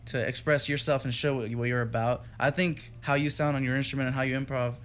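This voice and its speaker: Talking fast in a level, medium-pitched voice that's a bit bright, a young Texan music student chats casually as an interview guest, full of fillers and restarts. Faint music plays behind him in the radio studio.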